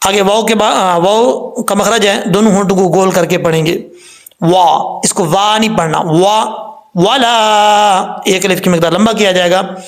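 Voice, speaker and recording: A man's voice: high voice, steady tone, moderate pace, gravelly. A middle-aged man teaching Quran recitation step by step. He explains each sound and corrects mistakes, repeating the right pronunciation several times.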